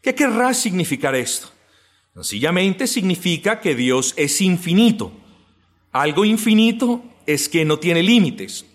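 A man preaching a doctrinal sermon, asking and answering his own questions and drawing out key words slowly for emphasis. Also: high voice, sing-song. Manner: addresses listeners as brothers, asks and answers own questions. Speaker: pastor teaching doctrine. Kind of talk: sermon teaching.

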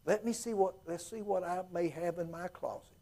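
A man voicing a kindly, practical grandmother in a sermon story, gentle and accommodating. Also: high-pitched, moderate pace, creaky, voice pushed up. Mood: gently puzzled. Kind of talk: acted quote in a sermon story.

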